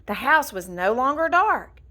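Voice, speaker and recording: Reading aloud from a scripted children's story, this high-voiced woman takes on the role of storybook reader. Her delivery is deliberate and full of expression.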